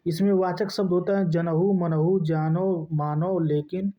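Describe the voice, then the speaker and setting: A man's voice: high-pitched, steady tone, unhurried. A man teaching a grammar lesson, asking questions and answering them himself. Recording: dull lo-fi recording.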